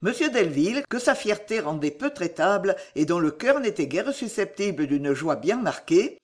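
A male audiobook narrator reading a novel aloud. His voice sits high for a man and swings through a very lively melody. The reading is expressive and dramatic throughout. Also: normal speed.

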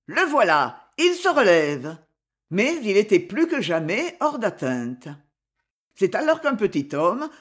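A narrator reading a classic children's story aloud with expressive storytelling. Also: medium pitch, breathy edge.

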